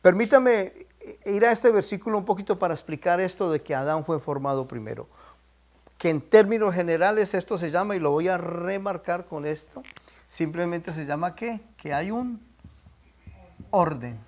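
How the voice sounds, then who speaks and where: A man with a high voice teaches a Bible class. He drives his points home by saying them again and prompting the listeners to call out answers. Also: animated, moderate pace, a little mellow. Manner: quizzes listeners with prompting questions; emphatic, repeats key points.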